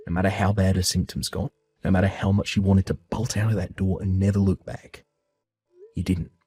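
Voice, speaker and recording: A man calmly telling his own family story in the first person and voicing his part of the dialogue with reassuring warmth. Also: low voice, fairly quick, slightly rough. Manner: calm, reassuring, heartfelt.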